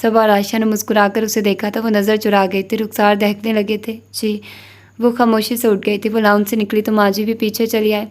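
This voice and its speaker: A woman narrating a novel as an audiobook reader, in an even, measured reading. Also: medium pitch.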